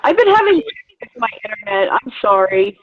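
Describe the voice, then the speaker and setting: Caller on a tinny, dry phone line; choppy audio that cuts out and clips word endings; halting, unfinished sentences. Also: medium pitch, sing-song, no room sound. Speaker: call-in panel participant. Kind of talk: casual group discussion. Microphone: headphones on a phone.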